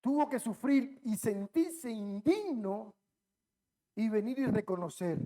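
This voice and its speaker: A male pastor preaching a sermon in a church, repeating phrases and building up to loud, emphatic peaks. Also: high voice, expressive, slow. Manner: impassioned preaching with heavy repetition.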